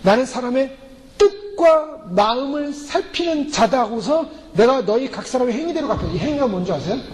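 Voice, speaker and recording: A man's voice: extremely high pitch, a little mellow. A male pastor preaching a sermon emphatically, acting out prayers and quoted voices, recorded in a church sanctuary. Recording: echoey hall reverb, faint ambience.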